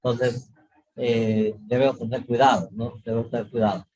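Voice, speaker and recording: A middle-aged man teaching a class over a video call, explaining slowly, repeating points and checking often that students follow. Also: mid-range voice, little pitch movement, darkish tone, husky, rough recording. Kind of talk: online class lecture.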